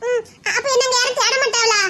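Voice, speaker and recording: A playful young woman relative, played by a woman with a Tirunelveli accent in a web drama. Her voice is very high and bright, and her lines come fast. She teases the others constantly. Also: fairly even intonation. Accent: Tirunelveli Tamil. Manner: teasing, quick, laughing. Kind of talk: web series acting.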